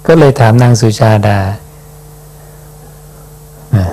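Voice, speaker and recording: A man, a Buddhist monk, reading scripture aloud and explaining it in an unhurried dhamma talk, ending phrases with a soft questioning particle.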